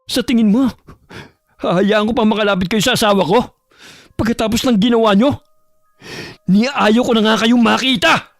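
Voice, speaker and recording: A man's voice: high-pitched, moderate pace, gravelly, pauses often, no room sound, clean studio sound. An actor playing an angry young husband who accuses his sister of cursing his wife, in a horror radio drama. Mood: bitter accusing. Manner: furious and accusing.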